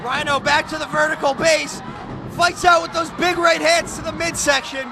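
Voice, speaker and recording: A man calling live wrestling as an excitable, emphatic play-by-play commentator. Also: very high-pitched, moderate pace, over music. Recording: loud crowd noise behind. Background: wrestling event crowd.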